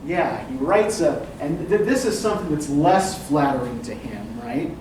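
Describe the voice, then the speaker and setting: Slightly high and a little mellow, this male voice is animated and moderately paced. Leading a literature discussion, the professor thinks aloud, peppering his points with "right?" and "um." A distant room mic records the echoey classroom and its background noise.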